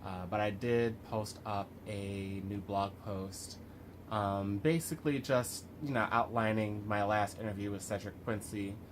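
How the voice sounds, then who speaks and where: Male vlogger, low voice, lisp from a retainer, rambling diary delivery, noticeable background noise. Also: fairly even intonation. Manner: halting, rambling, thinking aloud. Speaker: vlogger and writer. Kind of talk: casual video diary.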